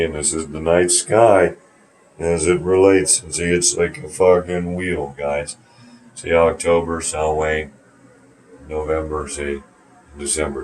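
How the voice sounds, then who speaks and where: Slight background noise accompanies a vlogger with a rumbling low voice who talks to his phone camera from a small warm bathroom at home. His casual monologue rambles along, peppered with swearing and sarcasm.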